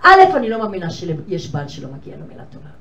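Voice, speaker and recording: An older woman giving a lively storytelling lecture to a room of women, acting out conversations with big swings in pitch and volume. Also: gravelly. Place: lecture hall with an audience of women. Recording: echoey hall from far off, faint noise.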